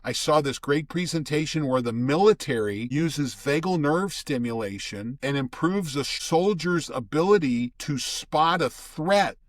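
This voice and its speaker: A man's voice: a little high, lively intonation, a little slow, hardly any pauses, no echo, studio quality. An older man, a guest expert, explaining things in casual podcast talk and often restarting his phrases.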